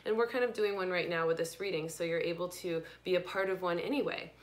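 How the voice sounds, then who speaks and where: A young woman with a fairly low voice hosts a live spiritual card reading. She talks gently and without hurry, greeting viewers and guiding them through the new year's energy. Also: steady tone, quick pace. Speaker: intuitive reader and livestream host.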